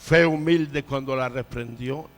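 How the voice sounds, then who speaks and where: A male preacher delivering a fervent sermon. He swings from loud shouts to soft, low passages and calls himself a loud talker. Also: a little slow. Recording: long hall reverb.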